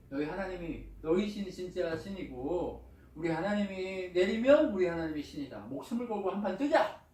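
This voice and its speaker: The outspoken prophet Elijah, played by a preacher in blunt, colloquial speech. His voice sits fairly high. It is heard from a distance in an echoey hall. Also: a little mellow, a little hiss or hum. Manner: talking to others directly and colloquially, addressing God in prayer. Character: biblical prophet Elijah, grown man, bold and outspoken.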